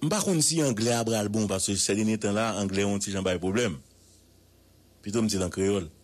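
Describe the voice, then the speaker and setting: A man with a Haitian accent giving emphatic radio news commentary, repeating words for effect and asking rhetorical questions. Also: lowish voice. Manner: emphatic, drawn-out repetitions, proverbs and rhetorical questions.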